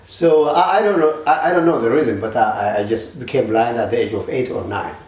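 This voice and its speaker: A man's voice: medium pitch, fairly quick, darkish tone, a little hiss or hum. A man from Ethiopia, a panel guest, speaking English hesitantly, often stopping and repeating words. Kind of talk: casual panel conversation. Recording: echoey room.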